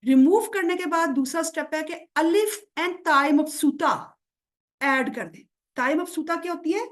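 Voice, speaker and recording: A woman teaching Quranic grammar in an online lesson, patiently checking understanding and stretching out example words. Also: high voice. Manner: drawls example words slowly to show pronunciation.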